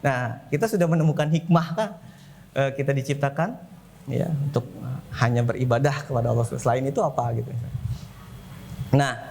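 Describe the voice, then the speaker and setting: A man's voice: medium pitch, normal speed, vocal fry, a little mellow, slight background noise. A man speaking at an educational seminar for parents in a school. His talk is conversational, and he acts out dialogues in a rising voice.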